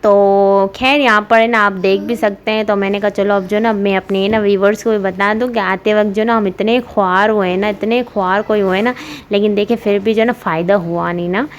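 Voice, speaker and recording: A woman's voice: mid-range voice, fairly even intonation, moderate pace, slight background noise. A young woman narrating her family vlog in a chatty voice-over, rambling with many fillers and giggling often. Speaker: family vlogger, mother.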